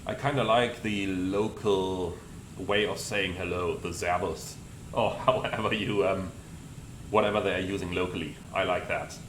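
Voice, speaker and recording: Guy with lowish voice doing pilot sim commentary, explains stuff, echoey, steady noise behind. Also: normal speed. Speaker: airline pilot presenting a flight simulator. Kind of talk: explanatory commentary with radio readbacks. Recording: roomy sound with steady cockpit noise.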